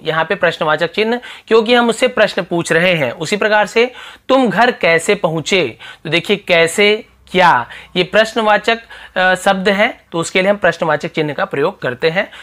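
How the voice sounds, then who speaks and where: A male teacher giving a recorded grammar lesson, explaining patiently step by step and repeating each example sentence with pauses. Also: high voice, a bit bright. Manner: frequent "uh" fillers.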